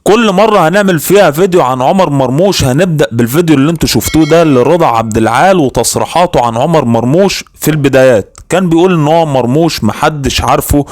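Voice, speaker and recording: A man's voice: on the high side, fast, few pauses. A man with an Egyptian accent hosting an informal sports commentary voice-over about football. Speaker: football video host.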